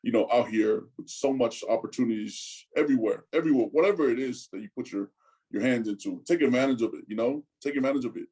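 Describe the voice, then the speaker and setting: Poor audio captures a mellow, husky, mid-range male voice. The speaker is a Tongan man in his forties, an interview guest talking casually. He speaks haltingly, repeats words, and says "man" a lot.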